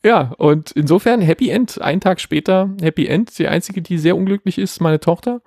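A man's voice: high-pitched, fairly quick, vocal fry, a little mellow, no room sound, clean studio sound. A man in his thirties, co-hosting a podcast, telling a story casually with many fillers. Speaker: podcast co-host. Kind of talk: casual chat.

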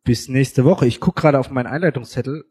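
A man who is hoarse from a cold, chatting casually as a podcast co-host and getting lively as he talks. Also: mid-range voice, fast. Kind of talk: casual chat.

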